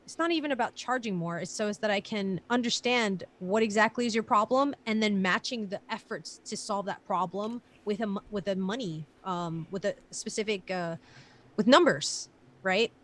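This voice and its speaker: A woman's voice: mid-range voice, normal speed, a bit bright. A woman in her late twenties, a digital marketer, chatting loosely on a live stream with lots of fillers and casual swearing. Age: late 20s.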